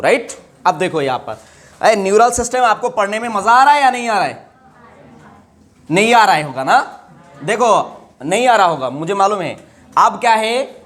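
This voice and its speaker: High-voiced man teaching biology. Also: fairly bright tone. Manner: quizzes students and answers his own questions, drawn-out emphasized terms; spells out terms letter by letter. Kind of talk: chalk-and-talk lesson with call-and-response questions.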